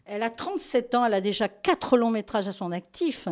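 Woman host, fairly high voice, chatty and familiar, plenty of fillers and self-corrections. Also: lively intonation, fairly quick. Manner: affectionate toward listeners. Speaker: host presenting film releases. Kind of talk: casual radio-style chat.

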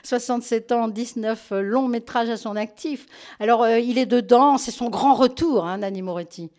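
A woman's voice: a little high, moderate pace, darkish tone. A woman hosting a casual chat about new films, chatty and affectionate toward her listeners, often stopping to correct herself. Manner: chatty, full of fillers and self-corrections. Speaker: host presenting film releases. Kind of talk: casual radio-style chat.

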